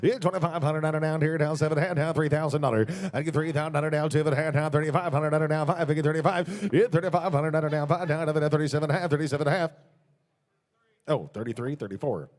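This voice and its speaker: A man working as an auctioneer, calling bids in a rapid, rhythmic, repetitive chant of numbers. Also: on the high side, steady tone, darkish tone.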